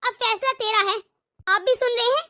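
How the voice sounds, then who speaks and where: A woman's voice: very high voice, a little fast, bright, forceful tone. A woman voicing a stubborn, domineering older mother-in-law in a cartoon, scolding and threatening. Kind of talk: cartoon voice acting.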